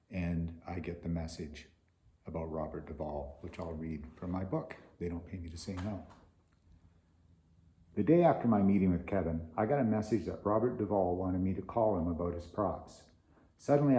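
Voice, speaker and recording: Recounting his career in film, this property master and author speaks in a deep, mellow voice, sometimes reading passages from his memoir. There's a roomy echo on the recording.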